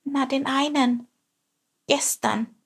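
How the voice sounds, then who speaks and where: A woman's voice: on the high side, very animated, a little slow, voice pushed up. A woman voicing a small, chatty young male sparrow, eager and cheeky in tone. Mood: startled.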